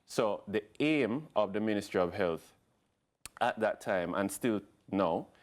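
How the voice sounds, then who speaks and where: This is a man with a very deep, low voice, speaking as a doctor in a TV studio. He explains things calmly and patiently, often starting over with "so". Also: unhurried. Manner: calm, explanatory, often restarts with "so". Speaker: gynaecologist guest. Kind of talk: studio interview explaining health.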